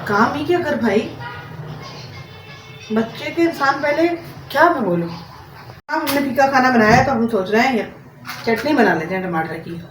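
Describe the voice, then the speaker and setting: A woman's voice: on the high side, lively intonation, moderate pace, long pauses, soft background music. A woman chatting and rambling in a casual home vlog while she cooks, tossing in English words. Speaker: home vlogger. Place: home, cooking in the kitchen. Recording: roomy, distant mic with noisy background.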